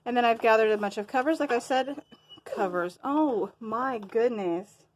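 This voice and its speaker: A woman's voice: on the high side, moderate pace. A woman talking casually to her viewers in a crafting show-and-tell, a bit winded and rambling, losing her train of thought now and then. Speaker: crafting vlogger.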